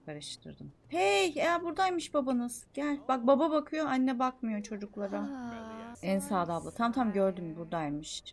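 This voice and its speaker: A young woman streaming a life-sim game, chattering excitedly, scolding the characters and swinging from mutters to shouts. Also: a little high, moderate pace, vocal fry. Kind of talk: live gameplay commentary.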